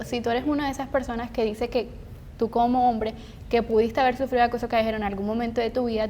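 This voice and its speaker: A woman co-hosting a podcast, discussing casually in a wordy, explanatory way. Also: darkish tone. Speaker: podcast co-host. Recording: noisy, low rumble behind voice. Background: rumbling background noise.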